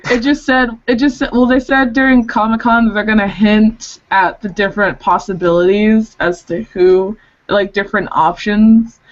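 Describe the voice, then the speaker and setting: A woman explains things in a chatty way during a casual fan recap chat. Her voice sits at an ordinary middle pitch. The audio is dull and lo-fi. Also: fairly even intonation, moderate pace. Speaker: podcast co-host.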